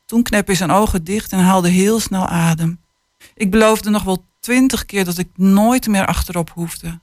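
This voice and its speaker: A woman author, a guest on a radio show, speaking in a measured, somewhat hesitant way and reading from her book. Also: medium pitch, a little mellow, dry recording, studio quality. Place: radio studio. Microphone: studio microphone.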